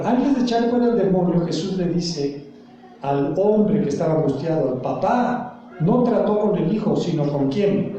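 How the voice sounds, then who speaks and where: Male pastor, high voice, quizzes the flock mid-sermon, booming echo off the walls. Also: mellow, distant mic, lo-fi sound, slight background noise. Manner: asks the congregation questions and leaves blanks for them to fill. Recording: very echoey room, voice from off the mic.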